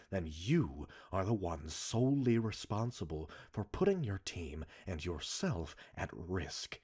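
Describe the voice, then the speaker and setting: Using a full character voice, a male actor portrays a cold, stern commander reprimanding an underling in a scripted ASMR roleplay. His delivery is deep and raspy, formal and measured, swinging widely between low restraint and hard emphasis.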